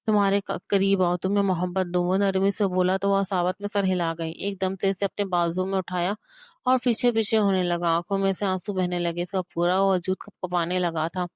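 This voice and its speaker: A woman reading a romance novel aloud in steady, emotive scripted narration. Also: lowish voice, clean tone, no room sound, studio quality.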